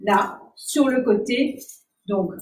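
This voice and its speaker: A woman dance instructor calmly explaining moves and counting out the beats for her class. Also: on the high side, slow, a little hiss or hum. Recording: roomy, from a distance, faint ambience.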